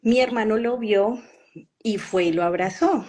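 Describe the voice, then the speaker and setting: A woman with a Colombian accent giving an earnest, emotional personal testimony, halting with pauses and fillers. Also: medium pitch, darkish tone.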